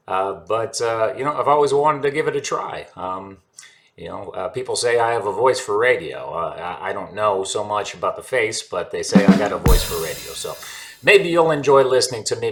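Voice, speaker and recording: A man in his forties hosts a casual vlog on his channel, his voice on the low side and a bit bright. He rambles along with lots of fillers and restarts. The room is echoey, with faint music playing in the background.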